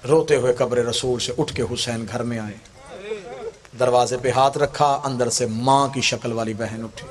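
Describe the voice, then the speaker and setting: A man's voice: medium pitch, steady tone, measured pace. A male Islamic scholar delivering a mourning sermon in an impassioned, mournful declamation with wailing cries. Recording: crowd audible behind speaker. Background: gathered congregation.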